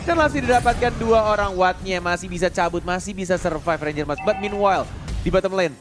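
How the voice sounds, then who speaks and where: A man with an Indonesian accent giving live play-by-play esports commentary, excitable and shouting rapid calls at big moments. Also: high voice. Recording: loud music under the commentary.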